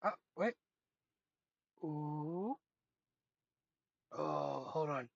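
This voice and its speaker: Slow, gravelly sick man streaming. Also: fairly high pitch, lively intonation, no room sound, highs cut off. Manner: muttering and swearing while fixing tech. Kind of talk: casual live-stream setup chatter.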